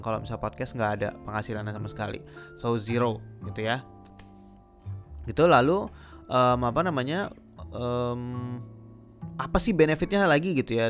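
Young man, Jakarta slang, podcast host, rapid chatty delivery, lots of fillers, faint guitar music behind. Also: medium pitch. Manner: fast talker, many filler sounds. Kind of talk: casual solo podcast advice.

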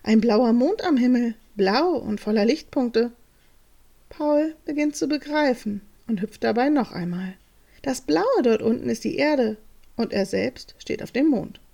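A woman reading a bedtime story aloud, calm and measured, softening toward a hush. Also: on the high side, vocal fry.

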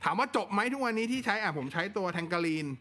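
A man hosting a casual live tech chat, relaxed and talkative, answering viewer questions with plenty of fillers. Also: high voice, brisk, slight background noise. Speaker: tech livestream host.

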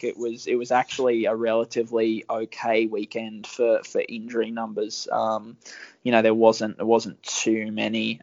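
An Australian man chatting casually about sport as a guest injury analyst, in an informal, halting way that often restarts mid-sentence. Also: medium pitch, no echo, lo-fi sound. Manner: informal, halting, self-interrupting. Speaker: injury analyst guest on a rugby league show.

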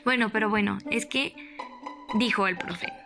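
A young woman with a Mexican Spanish accent telling a personal story in a casual, animated, dramatic way. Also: measured pace, over music. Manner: animated, dramatic, jumps up in pitch for emphasis.

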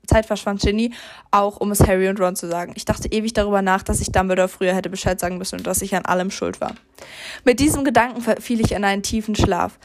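A young woman reading her own fan fiction aloud, rushing and often tripping over words and correcting herself. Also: mid-range voice. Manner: rushed reading with frequent slips and self-corrections.

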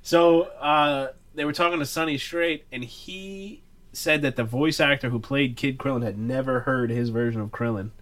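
Laughing, swearing podcast host. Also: male voice, medium pitch, moderate pace, fairly bright tone. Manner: laughs often, swears casually. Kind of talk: casual chat.

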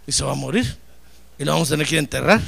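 A man's voice: fairly high pitch, animated, racing, gravelly, fairly bright tone. A man preaching a fervent sermon, often addressing listeners as brother and acting out dialogue.

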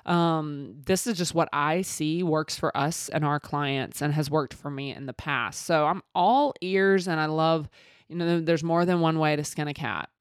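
Southern American woman podcaster, lower-pitched, dry sound. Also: steady tone, measured pace, clear, resonant tone, no echo. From Mississippi, southern United States. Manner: informal and direct, coaching the listener with rhetorical check-ins. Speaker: podcast host. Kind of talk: casual advice-giving podcast monologue.

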